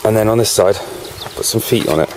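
British male vlogger, low voice, easygoing rambling chat, faint music underneath. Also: brisk, darkish tone, poor audio. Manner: rambling, full of "you know", talking with a cigarette in his mouth.

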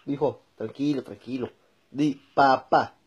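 A man in a comedy sketch, exasperated, sliding into yelling. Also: medium pitch, fairly even intonation, unhurried, breathy edge, muffled recording.

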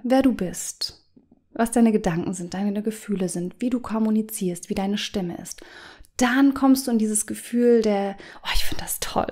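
A woman coach hosting a podcast, speaking to the listener in a gentle, guiding way, sometimes letting phrases sink to a soft whisper. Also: medium pitch. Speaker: business coach and podcast host.

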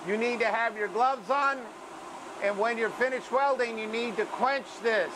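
A man's voice: extremely high pitch, moderate pace, noisy background. An older man, a welding teacher, explaining steps to a class in a casual, folksy way, often checking in with "okay". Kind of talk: classroom instruction. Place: school welding shop and classroom, indoors.

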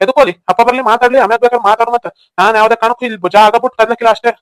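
A man's voice: extremely high pitch, flat delivery, rapid-fire, fairly bright tone, clean tone, dry recording. A man voicing a stubborn young village man in a cartoon, speaking with a North Karnataka Kannada accent. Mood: insistent. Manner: stubborn, insistent. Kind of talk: cartoon voice acting.

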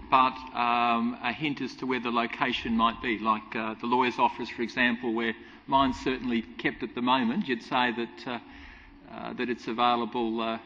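A middle-aged panelist explaining a system point by point, with a hesitant start. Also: male voice, medium pitch, bright, forceful tone, a little hiss or hum. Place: large conference hall stage. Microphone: table mic. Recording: dull sound with hall reverb.

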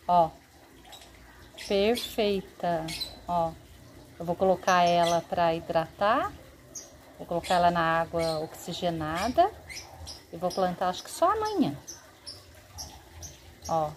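A woman's voice: mid-range voice, background noise. A woman in a casual unboxing vlog, gushing over each plant she shows, filming one-handed on a phone at home. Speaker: gardening vlogger. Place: home, neighbors heard. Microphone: handheld phone, recording one-handed.

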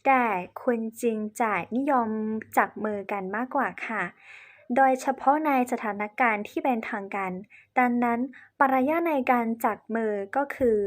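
Lady teaching in thai as a foreigner, a bit halting, polite, highish voice. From China. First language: Chinese. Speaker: presenter on cultural etiquette. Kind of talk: explanatory lesson to camera.

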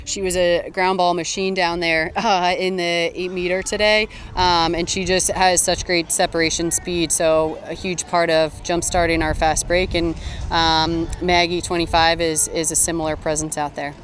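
A woman coach giving a postgame interview outdoors at a stadium, speaking into a handheld mic in a measured, upbeat way with frequent ums. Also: on the low side, flat delivery. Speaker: head coach. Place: outdoor stadium by a sports field. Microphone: handheld interview mic held in front.

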